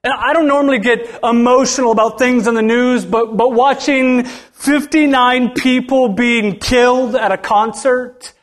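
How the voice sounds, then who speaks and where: A middle-aged male pastor preaching a sermon in a church, swinging from loud, rising lines to hushed ones and calling out for responses from the congregation. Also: extremely high pitch, fairly even intonation, measured pace, few pauses.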